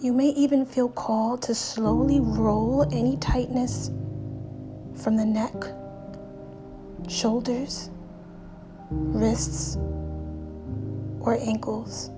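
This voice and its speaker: Over background music, a woman guides a meditation in a soothing, unhurried voice, pausing deliberately and letting her phrases end softly and breathily. Her tone is steady and a little high.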